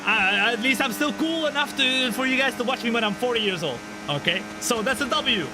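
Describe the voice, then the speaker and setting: Talking a little fast in an extremely high, animated voice, a 25-year-old man streams a racing game with music playing behind him. He jokes with viewers and ribs himself while commentating, and the roar of the game's racing car engines sits beneath his speech.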